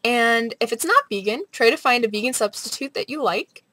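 A young adult woman rambling casually in a vlog, with an animated, sardonic manner. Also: fairly high pitch, brisk, no room sound. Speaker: vlogger. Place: small bright room at home, indoors.

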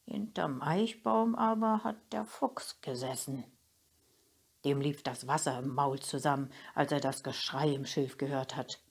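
A woman narrating a children's storybook in a gentle, unhurried way. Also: very deep voice, gravelly, slightly rough. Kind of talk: storybook reading.

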